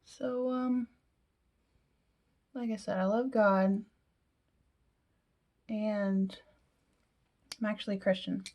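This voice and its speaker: A woman's voice: mid-range voice, fairly even intonation, slow pace, long pauses, darkish tone. A young woman chatting casually through a makeup tutorial, with self-deprecating asides that sometimes drop to a whisper. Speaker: beauty vlogger.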